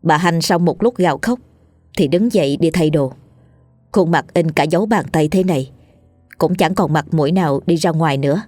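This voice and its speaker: A woman, narrating a scripted ghost story in a steady reading voice. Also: sits low, normal speed, no room sound, faint music behind.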